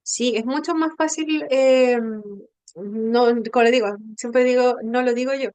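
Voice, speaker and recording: A woman teaching a class, her voice sitting a little high and recorded dry and close. She explains step by step in a patient way. She keeps checking that everyone is following. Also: fairly even intonation, unhurried, a little mellow, clean tone, no echo. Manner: patient, explanatory, checks in with frequent tag questions. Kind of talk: online training class.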